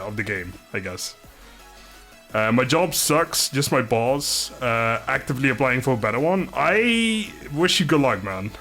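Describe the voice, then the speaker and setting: A live streamer from the Netherlands chats loosely with viewers at a middle pitch while music plays behind him. He sounds laid-back and low on energy, rambling between thoughts, swearing mildly and chuckling often, with a voice that comes across as pushed and bright.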